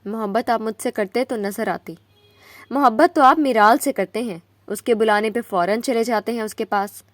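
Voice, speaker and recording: A woman voicing an injured young wife who shouts through tears, her voice pitched a little high and close and dry. She sounds wounded and defiant, set in a spoken romance novel. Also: no room sound, natural voice. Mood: tearful anger. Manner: tearful and shouting. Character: angry young wife, crying, accusing her husband.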